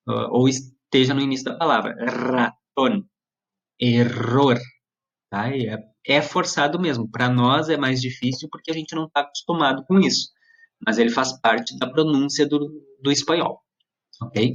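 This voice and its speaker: A man's voice: medium pitch, lo-fi sound. A man teacher walking students through a lesson step by step, patiently checking in with them as he explains. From southern Brazil. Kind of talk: recorded classroom lesson. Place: Brazilian school lesson.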